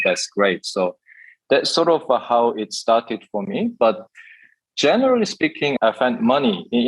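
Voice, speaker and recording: Guy in his 40s, lowish husky voice, explains stuff slow and thoughtful, lots of uhs. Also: no room sound, low-quality recording. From Korea, raised in the UK. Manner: thoughtful, explanatory, many fillers. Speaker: guest, tech executive. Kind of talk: measured interview answers.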